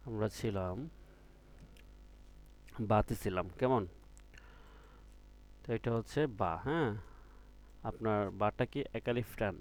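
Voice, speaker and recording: A man teaching Arabic letters in an online Quran reading class, asking students questions and stretching out each letter sound. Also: lowish voice. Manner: patient, drills with repeated questions to students; drawn-out letter sounds when demonstrating.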